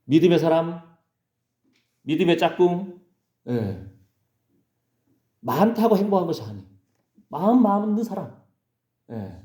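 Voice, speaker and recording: A man's voice: fairly high pitch, big pitch swings, unhurried, pauses often, mellow, reverberant. A male pastor preaching a sermon in a conversational way, often checking in with the congregation. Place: church sanctuary.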